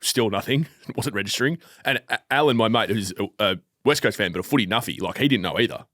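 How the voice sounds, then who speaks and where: Aussie male podcast co-host, lowish voice, rambling with fillers, dry studio sound. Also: quick pace, a bit bright, no echo. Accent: Australian. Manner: rambling storyteller, many fillers. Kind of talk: casual footy chat.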